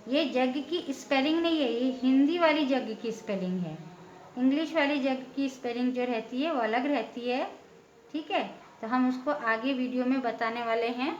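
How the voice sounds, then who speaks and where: A woman's voice: high voice, moderate pace, slight background noise. A woman teaching a patient, step-by-step lesson, often checking in with her listeners. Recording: echoey room, dull lo-fi sound.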